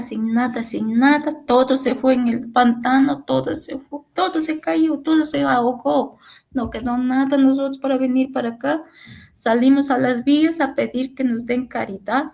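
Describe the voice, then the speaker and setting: A middle-aged woman giving a religious testimony, emotional and halting, often repeating her phrases. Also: on the high side, a little mellow.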